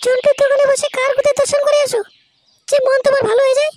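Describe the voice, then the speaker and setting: Cartoon role: shrill, scolding young wife, very high and loud. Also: female voice, flat delivery, very fast, a little hiss or hum. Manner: high scolding, crude insults. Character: shrill nagging young wife, sharp-tongued.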